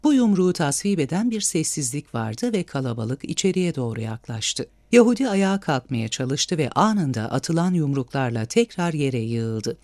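A man reading a novel aloud as an audiobook narrator, with measured, expressive storytelling. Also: a little high, no room sound, clean studio sound. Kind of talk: scripted narration.

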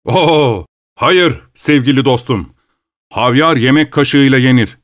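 A man's voice: medium pitch, unhurried, a bit bright, no echo, studio quality, natural voice. A man voicing a stingy, anxious male host who speaks with strained, ingratiating politeness. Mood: nervous.

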